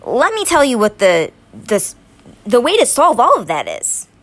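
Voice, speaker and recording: A woman's voice: on the high side, huge pitch swings, measured pace, fairly bright tone, dry recording. A young woman vlogging her opinions on politics, growing emphatic and stumbling over her words as she gets worked up. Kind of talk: casual opinion commentary.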